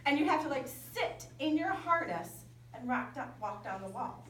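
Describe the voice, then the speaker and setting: A woman camp speaker telling a story in a lively sermon to young people. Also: high-pitched, moderate pace, slight background noise. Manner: lively, animated storytelling with quoted dialogue. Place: large indoor hall at a winter camp. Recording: echoey hall from far off.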